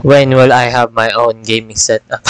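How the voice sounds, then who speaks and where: A man's voice: medium pitch, flat delivery, measured pace, clean tone, no room sound. Casual rambling man on a dry headset mic. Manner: rambling, mixes Tagalog and English. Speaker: gaming vlogger. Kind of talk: casual chat.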